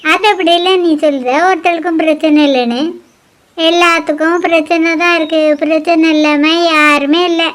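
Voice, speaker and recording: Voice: very high voice, fairly even intonation, moderate pace, fairly bright tone. Someone voicing a bossy nosy village granny. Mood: scolding. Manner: scolding, prying, lecturing. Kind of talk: cartoon voice acting.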